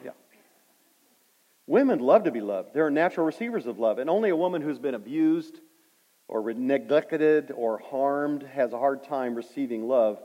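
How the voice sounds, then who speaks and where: A middle-aged male pastor preaching a sermon, swinging from loud emphatic points to hushed, quiet stories. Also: medium pitch, expressive, moderate pace. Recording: dull lo-fi sound with hall reverb.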